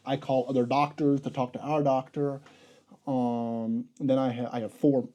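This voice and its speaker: A man's voice: medium pitch, moderate pace. A young man, a podcast guest, chatting casually about his emergency room job, rambling and correcting himself as he goes. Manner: rambling, self-correcting, animated retelling. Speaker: podcast guest, ER health unit coordinator.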